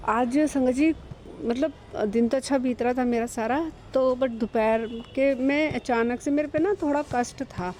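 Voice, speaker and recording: A woman's voice: high-pitched, a little slow, a little mellow. Chatty woman telling a devotional story. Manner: chatty, hesitant, many fillers. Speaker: devotee sharing a testimony. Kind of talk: casual spoken testimony. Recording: faint background noise.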